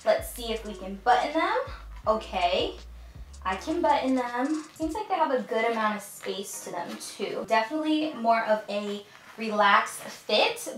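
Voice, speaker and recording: A woman's voice: on the high side, fairly bright tone. Chatty young woman in an echoey room. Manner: chatty, upbeat, addresses viewers as you guys. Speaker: fashion vlogger. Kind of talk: try-on haul commentary.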